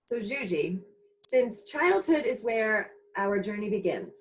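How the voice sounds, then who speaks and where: A woman's voice: medium pitch, big pitch swings, slow pace, rough recording. Upbeat woman hosting a talk show. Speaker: host. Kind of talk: scripted show introduction.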